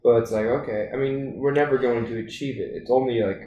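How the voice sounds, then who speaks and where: A man co-hosting a podcast, chatting in a loose, rambling way full of fillers. He retells stories with animated bursts of energy. His voice sounds off-mic and bounces around a roomy, echoey space. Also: mid-range voice, quick pace, recorded from a distance, dull audio, slight background noise. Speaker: podcast co-host. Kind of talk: casual chat.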